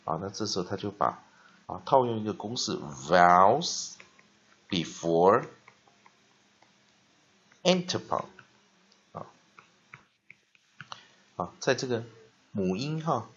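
A male English teacher giving a vocabulary lesson, spelling words letter by letter and repeating them slowly. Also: on the low side, lo-fi sound, a little hiss or hum.

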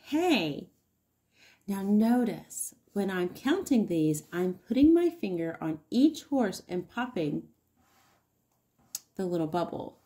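Female preschool teacher for a kids' counting video. Unhurried, animated intonation, encouraging, pauses for the child to reply. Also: medium pitch. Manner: encouraging, sing-song, pausing for answers. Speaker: early-years teacher hosting an online circle time. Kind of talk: child-directed counting lesson with questions to viewers.

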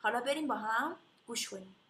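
A woman teaching English vocabulary, explaining slowly and having learners repeat words after her. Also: fairly high pitch, lively intonation, fairly bright tone, echoey room, a little hiss or hum. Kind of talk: English lesson in Persian.

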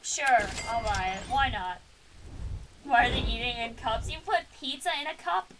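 A woman's voice: fairly high pitch, lively intonation, moderate pace. A young woman streaming a game, chatting casually and reacting aloud with amused comments. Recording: distant mic with clear noise.

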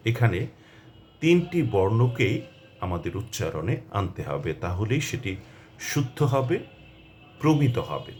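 Male pronunciation teacher, low voice, deliberate and exact, light background noise. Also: darkish tone. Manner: measured, stresses each syllable in example words. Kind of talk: instructional talk to camera.

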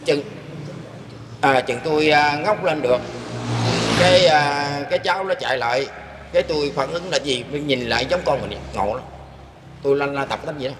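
An older man tells of his own experience in casual spoken storytelling, earnest and rambling, often turning to address his listeners. His voice is on the high side at a moderate pace with long pauses, recorded in an echoey room with long reverb and faint background noise.

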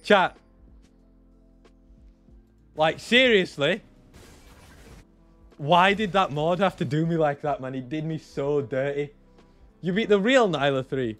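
A young man streaming a strategy game, chatting to his viewers, excitable, repeating himself and bursting into shouts and laughter. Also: on the high side, takes it slowly, pauses often, soft background music. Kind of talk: live gameplay commentary to chat.

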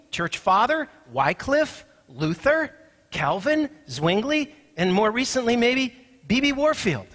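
A man's voice: sits high, fairly bright tone, slightly rough, big-room sound. A man preaching a sermon as pastor, emphatic and repeating his key points with rising force, in a church sanctuary.

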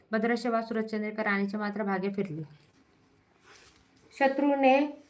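A woman narrating a devotional vow story aloud, reading steadily with small slips and self-corrections. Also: mid-range voice.

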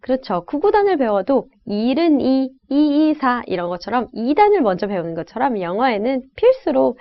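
A woman teaches an English lesson in a bright, high voice that leaps up and down as she coaches. She runs call-and-repeat drills with learners. The sound is a little dull and lo-fi. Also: very animated, moderate pace. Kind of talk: online lecture.

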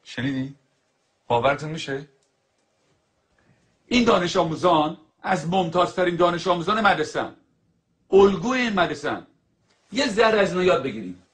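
A man's voice: fairly high pitch, expressive, pauses often, a bit bright. A man playing a strict, domineering schoolteacher in a dubbed film, commanding and scolding as he drills his class. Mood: stern.

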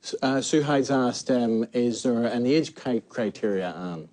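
A man's voice: mid-range voice, a little slow, a little mellow. A man with an Australian accent moderating a panel, asking questions with many fillers. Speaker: webinar facilitator.

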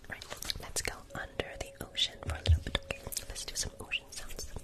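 A young man whispering softly and casually to viewers as an ASMR livestream host, close to the microphone in a small room. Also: fairly quick. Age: young adult. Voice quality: unvoiced whisper. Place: small bedroom, indoors. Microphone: close desktop microphone, sometimes with furry windscreen.

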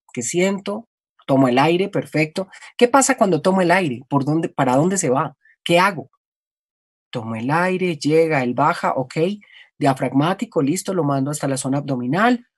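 A woman from Colombia, a voice-over artist, explaining her craft in a reflective, animated conversational interview. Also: sits low, slightly rough, dry recording, studio quality.

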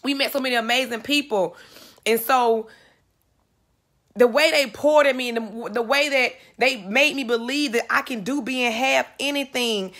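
Woman, thirties, live-stream motivational talk, earnest, repetitive, high-pitched, near tears. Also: a bit bright. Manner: emotional, earnest, repeats phrases for emphasis. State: close to tears. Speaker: network marketer speaking to live viewers.

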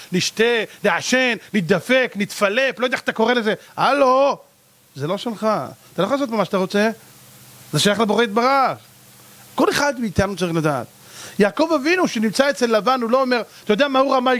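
A man giving a rabbi's sermon, scolding and mocking his listeners with a stream of blunt rhetorical questions. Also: high-pitched. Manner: animated, hammering rhetorical questions. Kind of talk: sermon to a live audience.

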